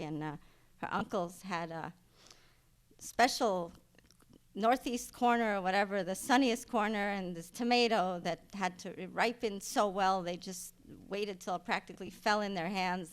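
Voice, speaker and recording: A middle-aged woman speaks at a funeral, telling stories about her mother. Her delivery rambles, with fillers and false starts, and she grows loud and lively when a story lands. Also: lowish voice, clear, resonant tone. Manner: grows loud and animated at the punchlines. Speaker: daughter giving a eulogy. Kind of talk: funeral eulogy, personal anecdotes. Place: funeral service.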